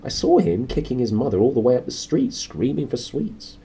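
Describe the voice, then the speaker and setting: A man's voice: medium pitch, huge pitch swings, brisk, dark tone, a little hiss or hum, voice pushed up, poor audio. A man voicing a stern, fretful female witch professor in a storybook reading. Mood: aghast. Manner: indignant, emphatic, fretful.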